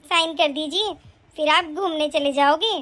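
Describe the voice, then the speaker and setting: A woman gives voice to a greedy young daughter-in-law in an animated family drama. She speaks in a very high, bright voice and is smug and scheming. She plots to take the family's property. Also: normal speed. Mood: sweet-talking. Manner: smug, scheming, later pleading. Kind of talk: animated story voice acting.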